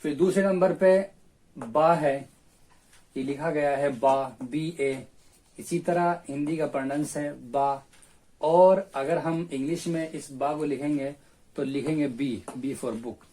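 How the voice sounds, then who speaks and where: A man teaching a spoken language lesson, going slowly and deliberately and repeating each letter name several times. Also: on the high side, fairly even intonation, mellow.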